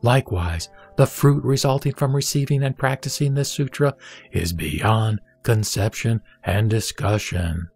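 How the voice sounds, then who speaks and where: A man portrays the Buddha as a serene, solemn teacher in an audio drama, reciting scripture in measured, deliberate phrases. His voice is mid-range and a little mellow, with music in the background.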